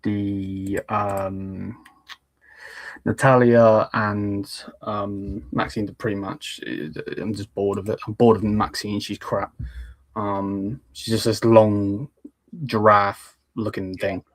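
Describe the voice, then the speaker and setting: A man with a low, very even voice reviews wrestling casually. He is blunt and dismissive, stopping often on ums. The sound is dry, with no room on it. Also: slow pace, no room sound. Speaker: wrestling podcast panellist.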